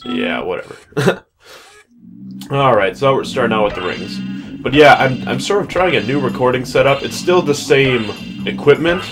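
A man's voice: medium pitch, animated, moderate pace. A young man giving casual, rambling, self-deprecating gameplay commentary as a let's play host. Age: young adult. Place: small bedroom at home. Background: video game music.

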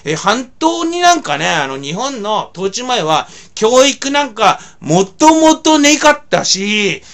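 A man speaking in a casual monologue as a video blogger, rambling with many fillers and rough colloquial phrasing. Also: high-pitched, big pitch swings, takes it slowly, fairly bright tone.

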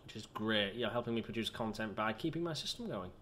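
A man's voice: fairly low pitch, lively intonation, fast, a bit bright, a little hiss or hum. A man chatting loosely over a game he is playing, wandering from topic to topic and poking fun at himself. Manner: chatty, wandering, self-mocking. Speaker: gaming video host. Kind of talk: rambling gameplay commentary.

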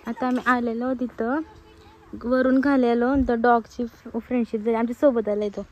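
Filming herself on a phone held at arm's length, a young woman from Maharashtra, India chats casually to camera and with friends while outdoors on hillside trails and farm grounds, mixing in English words. Her fairly high, level voice is a little mellow and moves at a moderate pace. The noisy outdoor phone recording sounds muffled.

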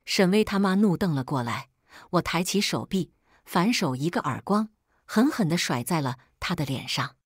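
A woman narrating a first-person story in a calm, composed way. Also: fairly low pitch, moderate pace, slightly rough, no room sound, clean studio sound.

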